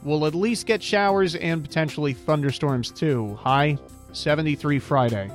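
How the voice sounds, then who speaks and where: Smooth, easygoing male radio host. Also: fairly high pitch, moderate pace, soft background music. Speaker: radio call-in show host. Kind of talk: casual local radio call-in chat.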